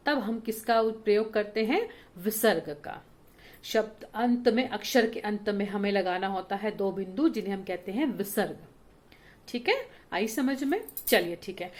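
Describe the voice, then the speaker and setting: A woman teacher giving a grammar lesson to children, speaking patiently, checking often that they follow, and drawing out example words to show their sound. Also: mid-range voice. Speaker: school teacher.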